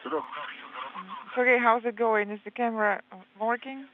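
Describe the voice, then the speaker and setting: A spacewalk interpreter relaying terse procedural callouts over a crackly space-to-ground radio transmission, halting with fillers between short commands. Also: mid-range voice, steady tone. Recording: tinny narrow-band radio line with faint hiss.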